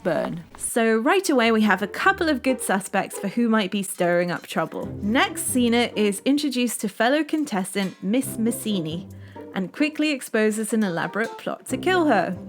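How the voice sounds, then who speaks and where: A woman hosting a review show, narrating with wry, sarcastic humor. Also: on the high side. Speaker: host reviewing a TV series.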